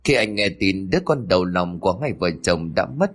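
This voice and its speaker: A man's voice: low-pitched, expressive, fairly quick. A man narrating a dramatic family story in scripted storytelling.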